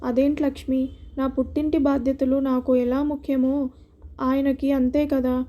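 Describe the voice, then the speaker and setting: A woman voicing a gentle, troubled middle-aged wife who speaks softly and sadly. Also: sits high, flat delivery, normal speed, lightly acted. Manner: soft and sorrowful.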